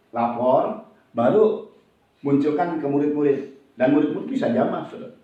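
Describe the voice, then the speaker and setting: A male pastor preaching a sermon in a lively, animated way, slipping into acted-out voices. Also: medium pitch. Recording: echoey hall, distant and dull.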